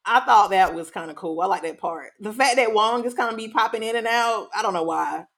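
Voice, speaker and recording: A woman co-hosting a podcast in a casual chat, animated, often laughing and trailing off with ums. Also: medium pitch, a little fast, creaky. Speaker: podcast co-host.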